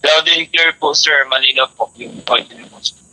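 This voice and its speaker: A man replying briskly and formally to a radio check, heard through a two-way radio speaker. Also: on the high side, sharp tone, slight background noise, rough recording. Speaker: radio operator answering a radio check.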